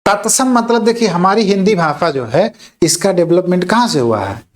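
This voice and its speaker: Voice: mid-range voice, animated, moderate pace. A teacher giving an exam-prep grammar lecture, explaining step by step and often checking in with listeners. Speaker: Hindi teacher.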